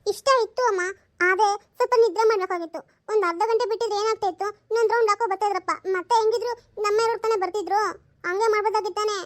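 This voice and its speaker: A sulky young daughter whines and pleads in a comedy sketch, her voice pitched very high, as a woman puts her on. She sounds drowsy and stubborn, begging to be left alone. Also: fairly even intonation, rapid-fire. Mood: whiny sleepy. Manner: whiny, pleading. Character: sulky sleepy young daughter, whiny girl.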